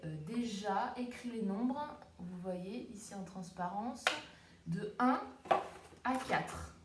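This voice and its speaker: A woman preschool teacher giving a home video lesson to young children, slow and gentle, sounding out words syllable by syllable, recorded on a tablet at home in the countryside. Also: medium pitch, far from the mic, slight background noise. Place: countryside home, flies around. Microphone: tablet camera. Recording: roomy tablet recording with faint ambience.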